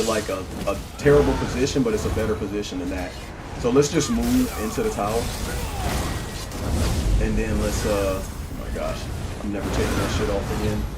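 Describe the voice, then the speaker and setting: A man giving excitable, trash-talking live commentary while streaming a game, swearing and bursting into laughter. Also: on the low side. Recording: noisy background.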